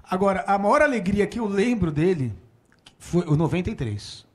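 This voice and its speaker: A man in his forties with a Brazilian Portuguese accent, telling stories in a casual, animated way and laughing often. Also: sits high, moderate pace. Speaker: guest. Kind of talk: casual storytelling. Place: small room before a small audience.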